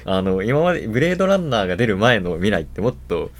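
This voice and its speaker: A man in casual podcast chat who talks fast and eagerly about games and films, laughing often. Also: fairly low pitch. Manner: excited fast-talking gamer enthusiasm, laughs often. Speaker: podcast co-host.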